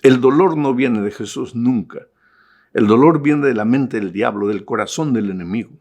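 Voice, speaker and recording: Impassioned preacher with a gravelly voice. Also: male voice, mid-range voice, normal speed. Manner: impassioned, emphatic repetition, swings between loud and hushed. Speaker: pastor. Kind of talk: Bible study sermon.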